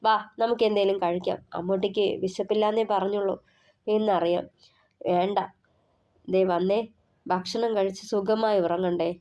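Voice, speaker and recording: A woman voicing a caring young man who coaxes and gently teases his partner in an audio story. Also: mid-range voice, fairly even intonation, moderate pace, natural voice. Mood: coaxing. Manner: coaxing, gently teasing.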